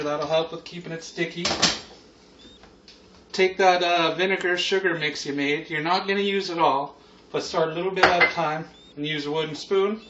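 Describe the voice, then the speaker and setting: A man's voice: fairly high pitch, background noise. Laid-back stoner-like man, muffled echoey recording. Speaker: home cooking show host. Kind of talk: casual unscripted cooking demonstration. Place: home kitchen. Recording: muffled, echoey room, far from mic.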